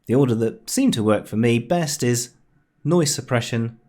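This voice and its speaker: Recorded near a computer in a home room, a man hosts an informal screencast tutorial with wry understatement. His medium-pitched, slightly mellow voice has lively intonation and a normal speed, and his delivery is conversational and explanatory.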